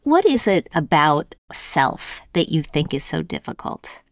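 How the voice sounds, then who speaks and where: A woman's voice: sits low, very animated, unhurried, dry recording, studio quality. A woman in her late fifties hosting an interview conversationally, asking questions and relating them to her own experience. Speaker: interviewer, host.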